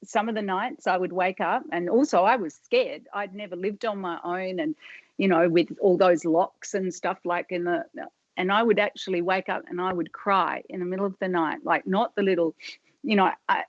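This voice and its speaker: Her voice on the low side with fairly even intonation, a middle-aged woman speaks at a moderate pace as a podcast guest. She rambles through life stories in a casual interview, often interrupting herself with fillers, and the audio is dull with no room sound.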